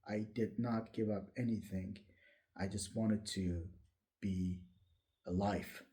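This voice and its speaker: Slow and steady, with a warm tone on the low side, a non-native English-speaking man in his late forties recounts his life to camera. The vlogger is candid and reflective, with some hesitancy.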